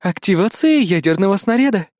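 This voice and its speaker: A man's voice: high-pitched, animated, a little fast, darkish tone, no echo, studio quality, pitched above the performer's own voice. A man doing a cool system announcer. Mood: alarm. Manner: raised, clipped announcements.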